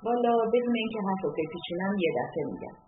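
A worried middle-aged mother speaks slowly and deliberately, picking her words, played by a woman narrator. The voice moves expressively, and the thin, phone-like sound carries music underneath. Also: mid-range voice, animated, background noise, close to an everyday voice. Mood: careful. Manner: measured, choosing words carefully. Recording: tinny lo-fi audiobook with music.

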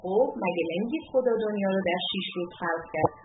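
A woman's voice: mid-range voice, expressive, natural voice. A sly, teasing teenage boy, as a woman narrator puts him on. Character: cheeky teenage boy, mischievous joker. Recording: tinny lo-fi audiobook with music.

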